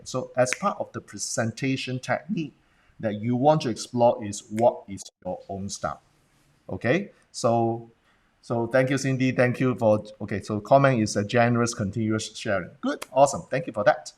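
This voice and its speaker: A man's voice: mid-range voice, normal speed. A man with a Hong Kong accent coaching viewers on a livestream in a blunt manner, often putting questions to them and checking in. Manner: rhetorical questions and check-ins with the audience. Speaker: business presentation coach. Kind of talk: Facebook Live talk, coaching viewers.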